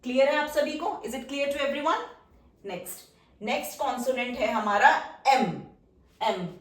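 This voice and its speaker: A woman's voice: sits high, a little slow, recorded from a distance. A woman teaching a shorthand lesson at a whiteboard, patiently checking that her students follow. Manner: patient, checks understanding often. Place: roomy classroom-like space, drawing with a marker. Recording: echoey room, voice heard from afar.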